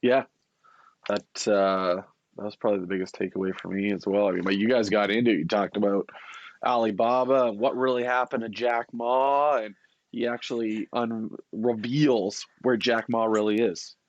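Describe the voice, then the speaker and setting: Nasal, gravelly man with a cold. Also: lowish voice, steady tone, normal speed, muffled recording. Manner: upbeat, joking, enthusiastic. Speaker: podcast co-host and producer. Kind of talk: casual conversation.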